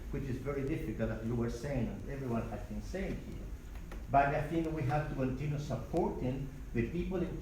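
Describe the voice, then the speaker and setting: A man's voice: a little high, darkish tone. A man from Chile making an impassioned, rallying comment from the floor at a university panel. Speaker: audience member. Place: university lecture hall. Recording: echoey lecture hall from far off, faint noise.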